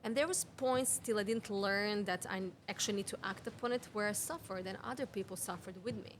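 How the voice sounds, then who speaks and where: Guesting on a conversational podcast interview in a cafe, a women's health mentor in her thirties talks earnestly, working through health ideas with chains of questions. She is from Serbia and speaks English as a non-native speaker with a Serbian accent, her mid-range voice a little fast, with a little hiss or hum on the recording.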